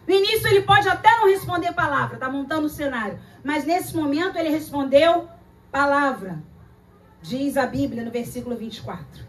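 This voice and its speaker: Woman, Brazilian accent, pastor, sermon, high-pitched, dramatic storytelling, recorded from a distance. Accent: Brazilian Portuguese. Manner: dramatic storytelling, acting out voices and repeating phrases.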